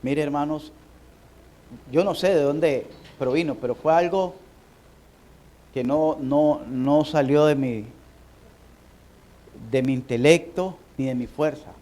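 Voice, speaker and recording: A man, a pastor preaching a sermon, moving from quiet personal storytelling to emphatic appeals. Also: a little high, slow pace, long pauses, low-quality recording. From Nicaragua. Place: church sanctuary.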